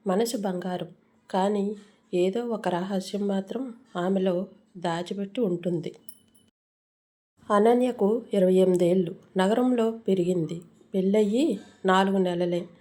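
Mellow-voiced woman narrating a suspense story. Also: mid-range voice.

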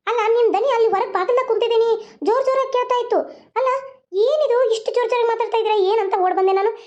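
A woman's voice: very high voice, racing, dark tone. A woman voicing a fussy, nosy old grandmother in a cartoon, with a scolding, nagging manner. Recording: dull lo-fi.

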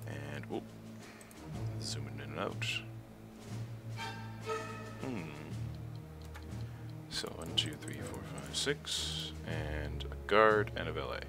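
Deep-voiced man musing over gameplay. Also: slow pace, vocal fry, long pauses. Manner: rambling, thinking aloud, chuckling. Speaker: let's play host. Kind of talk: gameplay commentary. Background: game music.

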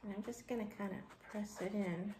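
A woman's voice: mid-range voice, fairly even intonation, fairly quick. A woman in her thirties chatting casually as she works at her kitchen counter, thinking aloud with ums and restarts, recorded on a camera across the counter. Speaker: homesteading vlogger. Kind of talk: casual how-to narration. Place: home kitchen, indoors. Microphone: fixed camera across the counter. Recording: echoey kitchen with background noise.

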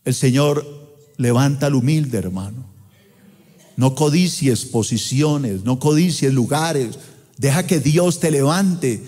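A middle-aged man from Colombia with a Colombian accent, preaching a sermon as pastor with impassioned delivery and sweeping swings in pitch. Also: a little mellow. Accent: Colombian Spanish. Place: large church auditorium. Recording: long hall reverb in church auditorium.

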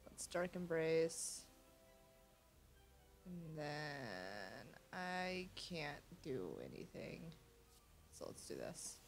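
A young American woman with a deep, very animated voice and vocal fry speaks extremely slowly, pausing often, over soft background music. Stuffy and sniffly with a cold, she hosts a gaming channel, giving laid-back let's-play commentary on a card game while seated at her home computer, often muttering to herself.

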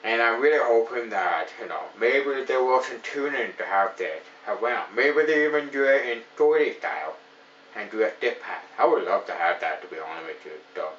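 In a small home room stocked with shelves of beer, a man in his thirties from Ontario, Canada, casually reviews a beer, rambling and enthusiastic, with plenty of "you know" fillers. His medium, animated, somewhat bright voice moves at a moderate pace. The sound is roomy and dull, recorded from a distance, with slight background noise.

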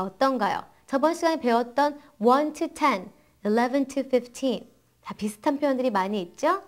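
A young woman teaching math phrases, saying each practice sentence slowly and carefully, and asking and answering her own questions in an encouraging way. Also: on the high side. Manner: slow, careful English model sentences between quick explanations. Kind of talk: bilingual language lesson.

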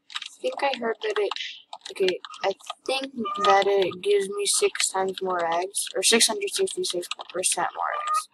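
A woman's voice: very high voice, big pitch swings, measured pace, creaky. A young girl hosting her own gaming channel, thinking aloud as she plays at a home computer. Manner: chatty, thinking aloud while playing. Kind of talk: casual gameplay commentary. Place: indoors at a computer. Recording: noisy home recording with keyboard clicks.

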